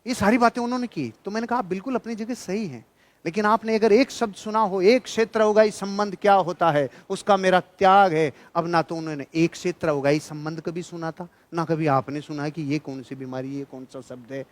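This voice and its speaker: Preaching to his audience, a motivational speaker delivers an emphatic, admonishing speech full of repeated phrases for effect. His voice is high-pitched and a little fast, and the recording is dry.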